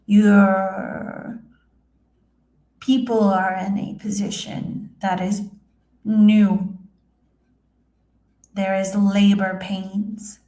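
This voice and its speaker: Seance medium woman as serene spirit guide: solemn, halting, drawn-out pacing, echoey room. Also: mid-range voice, little pitch movement, warm tone. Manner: halting, solemn, measured, with hums and long pauses. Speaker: trance channeler, seance medium. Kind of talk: trance channeling, addressing listeners as a spirit. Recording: roomy, echoing sound.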